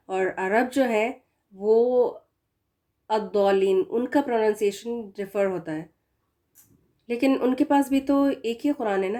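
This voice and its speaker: A woman teaching a recitation lesson, explaining patiently and stretching out the example words slowly. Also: mid-range voice, darkish tone. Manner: patient explaining, slow drawn-out demo words. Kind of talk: tajweed lesson.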